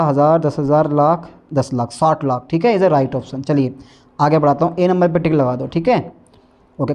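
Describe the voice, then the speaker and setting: This is another coaching-class exam-prep lesson from a man with a north Indian Hindi accent who keeps coaxing students to read along with him. His voice is a little high and dark in tone.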